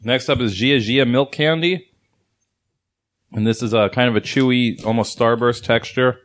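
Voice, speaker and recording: A man's voice: medium pitch, normal speed. A man hosting a casual snack review, rambling and laughing between swears. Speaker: host.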